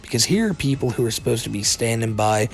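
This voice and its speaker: A man's voice: mid-range voice, animated, fast talker, vocal fry. A man giving casual, incredulous commentary on internet drama, with a sardonic, informal way of talking and some casual swearing. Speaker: commentary video narrator.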